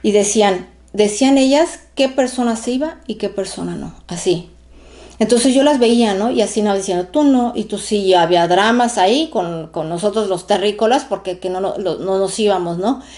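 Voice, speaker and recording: A woman's voice: mid-range voice, moderate pace. A woman hosting her own online show, telling a personal story to viewers with emphatic repeats and "¿no?" tags. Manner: animated, emphatic, tags phrases with "¿no?"; repeats words when excited.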